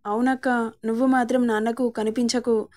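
A woman's voice: fairly high pitch, flat delivery, fairly quick, darkish tone, lightly acted. A woman voicing a caring younger brother on a phone call in a storybook reading, earnest and reassuring.

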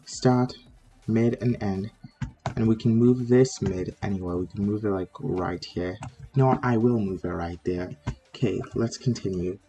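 A man's voice: on the low side, moderate pace, warm tone. A man hosting a casual coding tutorial, talking step by step while sick with a sore throat. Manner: chatty, step-by-step, with frequent "like" fillers. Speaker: tutorial host.

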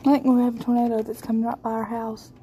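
In lo-fi, noisy phone audio with a storm in the background, a woman records the weather and gives excited, breathless commentary full of exclamations. She sounds scared and shaky; her somewhat high voice stays level and moves at a quick pace.

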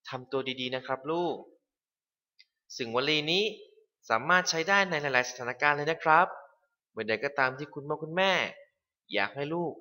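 A man narrating a scripted English lesson for parents, polite and clear, reading the English phrases slowly. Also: medium pitch, animated, sharp tone.

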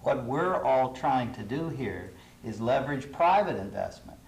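A middle-aged man, an urban planner, speaking in a measured, thoughtful way with some hesitations on a studio panel. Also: medium pitch, lively intonation. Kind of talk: panel discussion. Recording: roomy studio with faint hiss.

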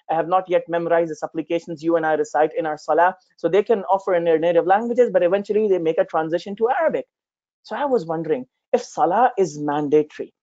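A native Urdu-speaking man, an Arabic instructor, gives an informal lecture with a personal story, speaking conversationally with many fillers and restarts. He talks over a shared screen from a small indoor room. His voice is high-pitched and a little mellow, and the highs are cut off.

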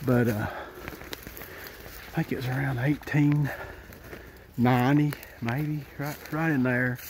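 An older man with a drawl talks slowly and folksily while hiking, a little out of breath. His voice is gravelly, and a noisy outdoor recording from a handheld camera carries the woods around him. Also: mid-range voice. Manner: slow, rambling, folksy. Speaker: outdoor storytelling vlogger. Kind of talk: casual storytelling while hiking.

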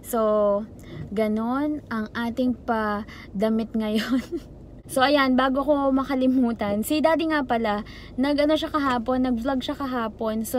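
A woman's voice: fairly high pitch, slight background noise. A woman, a mother vlogging casually at home, chatting while mixing Tagalog and English. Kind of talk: casual vlog.

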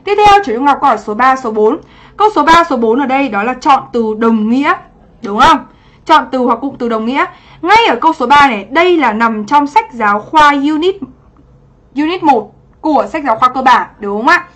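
High-pitched woman teaching a livestream lesson. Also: a bit bright. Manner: chatty, asks for confirmation after each point; greets viewers by name while teaching. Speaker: English teacher. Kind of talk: livestream exam review lesson.

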